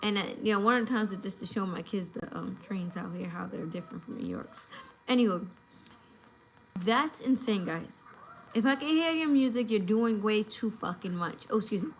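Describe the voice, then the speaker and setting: A New York woman in her thirties hosts a casual home livestream, chatting, offering viewers advice and acting out voices in her anecdotes. Her voice is medium-pitched and animated, at normal speed. The audio is poor, with a little hiss or hum.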